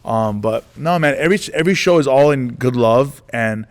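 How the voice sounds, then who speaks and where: A man's voice: medium pitch, lively intonation, brisk. A man, a stand-up comedian, telling stories in a casual interview, rambling with many restarts and fillers and acting out the voices of people he quotes. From United States.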